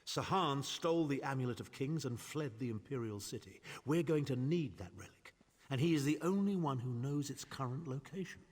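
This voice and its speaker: A man's voice: mid-range voice, expressive, normal speed, breathy edge. An actor playing a haughty, scheming aristocratic male chancellor in a video game, speaking pompously. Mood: urgent. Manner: pompous, grandiloquent.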